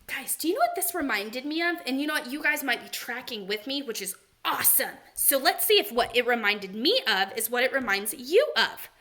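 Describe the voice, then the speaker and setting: Animated high-voiced woman teacher. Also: fairly quick, few pauses. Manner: animated, gasping with excitement, sing-song teacher voice. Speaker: second grade teacher. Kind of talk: remote read-aloud lesson for young children.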